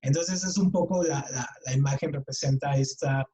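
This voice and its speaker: A man's voice: mid-range voice, moderate pace, warm tone, a little hiss or hum, poor audio. A middle-aged man with a Mexican accent teaching a writing workshop in a casual, chatty way, often restarting and repeating words. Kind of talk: online class lecture.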